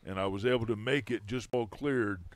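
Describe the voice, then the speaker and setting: Blunt low-voiced fishing captain. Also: male voice, moderate pace, dry recording. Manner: blunt, storytelling advice. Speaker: fishing charter captain and co-host. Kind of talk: casual chat.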